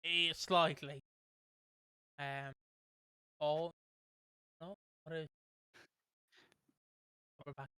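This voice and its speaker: A man hosting a casual podcast in a bright, crisp voice that sits a little high. He rambles freely, piling up fillers and restarts, and the sound is close and dry. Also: flat delivery, very slow, pauses often, no echo. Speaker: podcast host.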